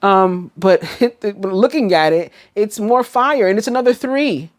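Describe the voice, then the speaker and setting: A woman's voice: mid-range voice, unhurried. A woman with a New York accent giving a casual, rambling tarot reading, full of fillers and restarts. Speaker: tarot reader.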